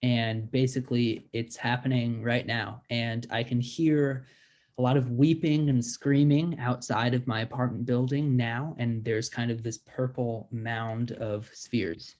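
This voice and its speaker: A hesitant East Coast expert who stumbles through his answers, improvised by a man. His voice is mid-pitched and plain, coming through a video call. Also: fairly even intonation, darkish tone, lightly acted. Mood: calm. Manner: halting, hesitant with many ums. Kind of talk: improvised comedy role-play.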